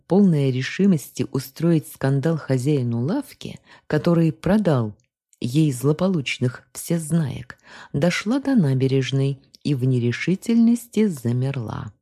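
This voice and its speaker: Deep, husky woman narrating a story. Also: mellow. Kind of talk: scripted audiobook narration.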